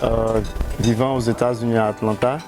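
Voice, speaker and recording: Interviewed outdoors as a guest in a street interview, a man from Côte d'Ivoire speaks hesitantly and restarts often. His mid-range voice is level at a normal speed, with a music bed underneath.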